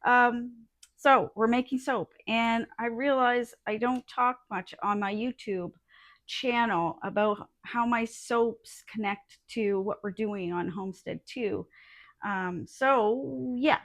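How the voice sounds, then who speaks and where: A woman vlogger chatting casually to her viewers in an informal, halting way, thinking aloud as she goes. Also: a little high, dry recording. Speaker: vlogger and small soap business owner. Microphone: small add-on phone microphone.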